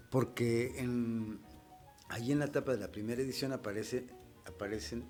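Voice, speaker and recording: A middle-aged man hosting a poetry program, talking in a reflective, hesitant way with many repeated words and fillers. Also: medium pitch. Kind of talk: slow, reflective talk on poetry.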